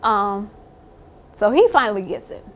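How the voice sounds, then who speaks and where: A woman's voice: medium pitch, lively intonation, unhurried, slight background noise. Blunt, emphatic woman telling her story. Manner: blunt and emphatic, swears, laughs wryly. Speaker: interviewee. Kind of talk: candid personal account.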